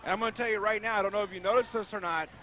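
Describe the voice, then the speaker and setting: A man with a high voice provides live color commentary on wrestling. He sounds conversational and emphatic. He tends to repeat his phrasing as he makes a point. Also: steady tone, rapid-fire, a bit bright, a little hiss or hum.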